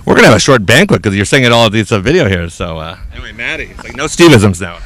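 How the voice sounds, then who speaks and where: A man hosting a high school sports broadcast, chatting briskly with players after a game and signing off. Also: big pitch swings, a bit bright. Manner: brisk, chatty, a little rambling. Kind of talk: post-game interview and sign-off.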